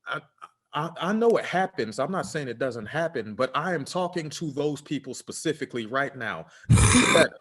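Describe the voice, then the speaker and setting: A fairly high-pitched, expressive male voice at normal speed belongs to a podcast co-host. His relationship advice is casual chat delivered earnestly and a bit preachily, full of filler words.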